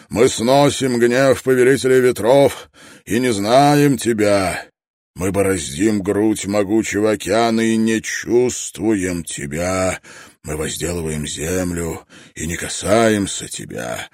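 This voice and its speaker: An elderly preacher praying aloud, slow and solemn, with rising fervour, as a male narrator puts him on. The voice sits a little higher than the reader's own low register, recorded dry. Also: darkish tone, no echo.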